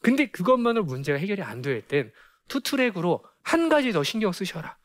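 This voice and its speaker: A man lecturing parents, his high voice swinging widely in pitch, throwing rhetorical questions at the room and slipping into kids' voices. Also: very animated, fairly quick. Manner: poses rhetorical questions to the audience; acts out children's voices.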